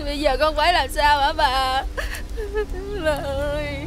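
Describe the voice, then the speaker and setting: A woman's voice: high-pitched, normal speed, natural voice. An actress playing a frightened young female servant in a period TV drama, begging for mercy through tears. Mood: tearful. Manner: pleading, tearful, begging. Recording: music score underneath.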